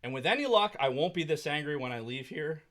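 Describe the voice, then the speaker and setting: A man's voice: on the high side, animated, fast, fairly bright tone. A man co-hosting a casual podcast, ranting angrily and swearing heavily. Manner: heated, profane ranting. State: angry. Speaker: podcast co-host.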